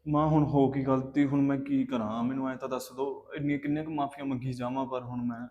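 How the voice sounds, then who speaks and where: A remorseful young son, played by a man in a drama, pleading in a flat, level voice. The recording sounds dull and has a faint background hiss. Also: mid-range voice, fast, natural voice. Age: young adult. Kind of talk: Punjabi web drama acting.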